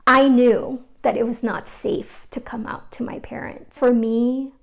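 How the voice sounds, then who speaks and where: Speaking unhurriedly in a fairly high voice with vocal fry and a flat delivery, a woman from the Philippines reflects openly in a documentary interview. The arts organizer tells personal stories conversationally, laughing and using fillers.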